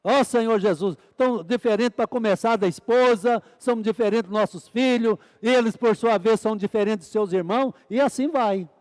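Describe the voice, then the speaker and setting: Male preacher, high voice, fervent sermon delivery, keeps asking and answering his own questions. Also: normal speed, hardly any pauses, darkish tone, long reverb tail. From Brazil. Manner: repeated fervent "Ó Senhor Jesus" exclamations; asks the congregation questions and answers them.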